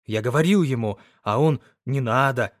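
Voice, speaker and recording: A man reading the part of a gruff, anxious young peasant in an audiobook. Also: medium pitch, moderate pace, no room sound, studio quality, close to an everyday voice. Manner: gruff and curt.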